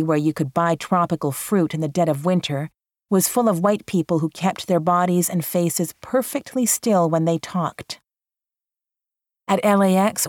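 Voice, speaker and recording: A woman narrating a first-person memoir audiobook in a measured, even storytelling manner. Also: on the low side, no room sound, studio quality.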